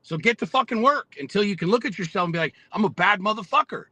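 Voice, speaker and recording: A man's voice: high-pitched, expressive, fast talker, pushed and bright, no room sound, low-quality recording. A man in his forties, a podcast guest, talking bluntly and with lots of profanity in a fired-up, motivational way. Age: 40s. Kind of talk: casual podcast conversation.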